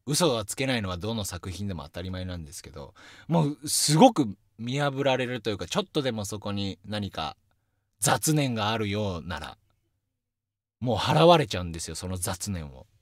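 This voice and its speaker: A young man hosting a casual solo radio talk show, telling stories in an animated way and poking fun at himself. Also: on the low side, moderate pace, dry recording, studio quality. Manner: lively, animated storytelling with self-deprecating asides. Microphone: studio microphone.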